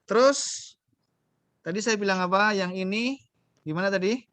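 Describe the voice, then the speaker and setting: A man's voice: high-pitched, normal speed, fairly bright tone, clear, resonant tone, no echo. A man teaching a beginner Arabic class online, patient and coaxing, quizzing his students as he goes.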